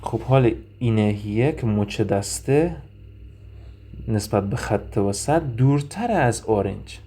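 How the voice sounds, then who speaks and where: A man teaching an anatomy lesson, explaining each term step by step, asking and answering his own questions and thinking aloud with pauses. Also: fairly low pitch, animated, mellow, husky. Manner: thinks aloud with frequent hesitation sounds. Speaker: anatomy instructor. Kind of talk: recorded lecture with drawing and reading.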